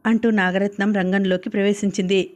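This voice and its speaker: A woman reading a story aloud as an audiobook narrator, in a steady storytelling manner. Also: medium pitch, brisk. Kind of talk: scripted narration.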